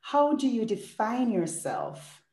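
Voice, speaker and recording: A woman's voice: fairly high pitch, huge pitch swings, slow pace, mellow, echoey room. A woman hosting a podcast, reading an intro in an effusive, rhythmic listing style and then interviewing a guest. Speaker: podcast host.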